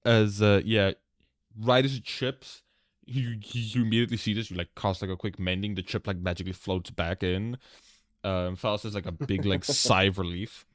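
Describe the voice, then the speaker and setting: Male game master, casual narration with fillers; low voice, dry. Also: fairly even intonation, normal speed, no echo. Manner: casual, many fillers, describing scenes.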